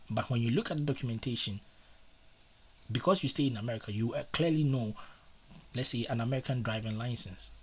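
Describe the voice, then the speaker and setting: A man's voice: mid-range voice, breathy edge. A man hosting a live stream and giving casual advice in an earnest, repetitive way, with many fillers and restarts. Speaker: livestream host.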